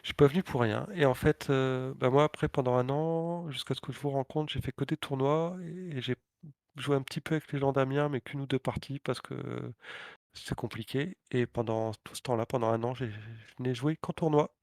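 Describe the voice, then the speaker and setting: Podcast co-host, male, mid-pitched, swears freely, animated storyteller, dry close sound. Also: moderate pace, no echo. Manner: animated, crude slang and swearing; frequent filler hesitations. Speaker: podcast co-host and competitive player. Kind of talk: casual storytelling chat.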